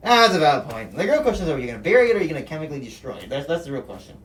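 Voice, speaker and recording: A man's voice: a little high, big pitch swings, racing, a bit bright. A young man co-hosting a casual podcast, playful and self-mocking. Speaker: podcast co-host. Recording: distant mic with faint noise.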